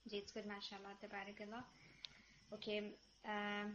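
Gentle woman teaching Quran recitation. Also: medium pitch, monotone, slight background noise. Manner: gentle, corrective, models recitation slowly. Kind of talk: online tajweed feedback. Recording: lo-fi online call audio.

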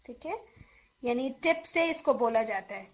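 A woman teaching Quranic letter pronunciation, patiently explaining and slowly demonstrating each sound. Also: a little high, animated. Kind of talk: explanatory lesson mixing Urdu and English. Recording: dull lo-fi recording.

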